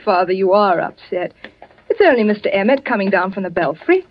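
An actress playing a calm, earnest young vicar's daughter in 1940s radio drama. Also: female voice, medium pitch, fairly quick, close to an everyday voice. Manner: soothing, earnest. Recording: dull old radio broadcast.

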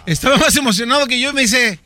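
Young man on a phone call from his car, very high and sharp, stammering and excited. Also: fast talker. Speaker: son calling his mother. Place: parked car.

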